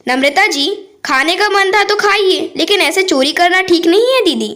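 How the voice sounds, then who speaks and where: A woman's voice: very high-pitched, animated, normal speed, sharp tone, pitched above the performer's own voice, full character voice. A woman voicing a sneaky young wife in a storybook tale who talks slyly and defensively. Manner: sly, defensive.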